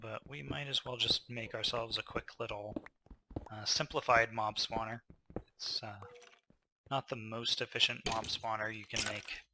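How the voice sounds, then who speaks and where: A man's voice: fairly low pitch, little pitch movement, moderate pace, heavy background noise. A man casually narrating his gameplay, thinking aloud with fillers, a little tired. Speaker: gameplay commentator.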